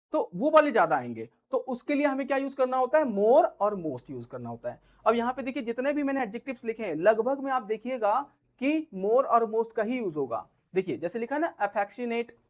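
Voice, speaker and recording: A man teaching grammar in Hindi, reading the examples slowly and often checking that viewers follow. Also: extremely high pitch. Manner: explains patiently, repeats "ठीक है" and "समझ रहे हो?", reads English examples slowly. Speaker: English teacher. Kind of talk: Hindi-English grammar lesson.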